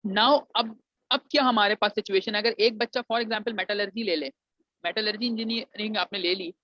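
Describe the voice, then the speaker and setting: A man's voice: sits high, steady tone, normal speed, no room sound. A man from Pakistan, advising students on engineering admissions and mixing English phrases into his talk. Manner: mixes English phrases into Urdu, calls students "beta". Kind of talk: explanatory lesson to students. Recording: dull, dry lo-fi recording.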